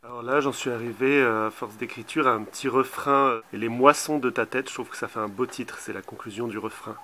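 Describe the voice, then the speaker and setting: A man's voice: medium pitch, steady tone, fairly quick, sharp tone. A man giving a casual songwriting tutorial, talking hesitantly with many filler sounds.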